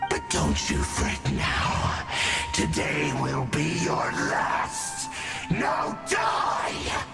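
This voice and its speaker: An actor playing a menacing, gloating monstrous herald of the abyss in a video game, pompous and taunting with a gravelly voice. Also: male voice, big pitch swings, exaggerated voice. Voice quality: gravelly, very deep. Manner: pompous, taunting, slow theatrical delivery. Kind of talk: video game villain acting. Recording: echoing, with loud music over it.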